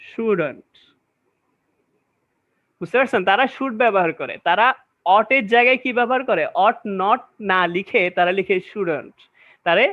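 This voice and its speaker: A man gives a classroom-style grammar lecture. He explains step by step and keeps asking whether his listeners follow. The recording is dull and lo-fi. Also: high-pitched. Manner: explains step by step, often checks understanding with questions. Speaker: English grammar teacher.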